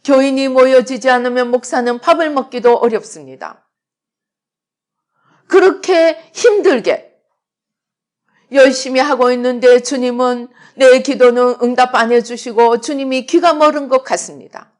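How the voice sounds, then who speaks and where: A middle-aged woman pastor preaching a sermon, swinging between loud emphatic lines and quiet asides. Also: high-pitched, fairly even intonation, moderate pace. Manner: acts out prayers and God's replies in quoted voices.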